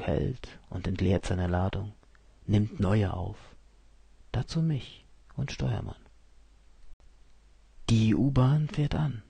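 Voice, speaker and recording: A man narrating a story in the first person, calm, cold and measured. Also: lowish voice, creaky, husky, no echo.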